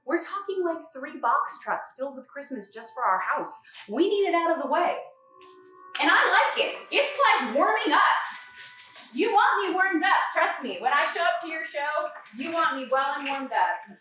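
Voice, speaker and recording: A woman's voice: high-pitched, sharp tone, heavy reverb, recorded from a distance, rough recording. A woman hosting a live decorating tutorial, chatty and bubbly, laughing often as she works. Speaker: holiday decorator and host. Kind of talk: live-stream tutorial chat. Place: decorating studio.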